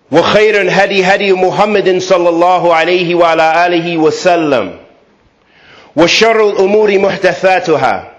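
A man with an American accent delivering a mosque sermon, switching from fast chanted Arabic openings to slow, measured English. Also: fairly high pitch, dull audio. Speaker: imam giving a Friday sermon. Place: mosque prayer hall.

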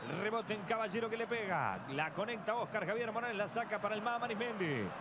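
A Uruguayan man calls football live in a very high, excited voice. He delivers breakneck goal commentary with exclamations and colourful phrases, over very loud stadium noise. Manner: exclamatory, drawn-out goal cries, colourful catchphrases. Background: football stadium ambience.

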